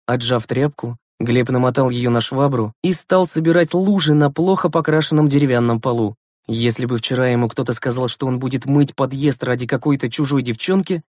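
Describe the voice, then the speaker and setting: A man's voice: mid-range voice, a little mellow, no room sound. Man narrating a story, dry close sound. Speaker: audiobook narrator. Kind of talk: scripted narration.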